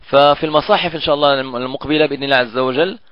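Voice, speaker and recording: A man teaching Quran recitation in a recorded lesson, patiently explaining and repeating example words slowly. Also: mid-range voice, no echo. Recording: dull, dry lo-fi recording.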